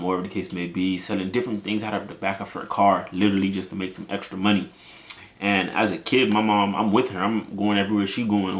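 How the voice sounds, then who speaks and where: A man's voice: low-pitched, a bit bright, slight background noise. A young man from Haiti telling his own story to his viewers in a casual, slangy way, often asking "you know what I'm saying". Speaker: vlogger.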